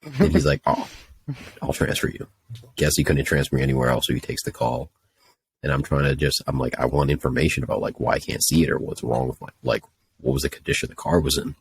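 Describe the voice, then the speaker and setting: Very deep husky-voiced young man. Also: lively intonation, fast talker, no echo. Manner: profane, exasperated ranting. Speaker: podcast host telling a story. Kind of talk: casual storytelling.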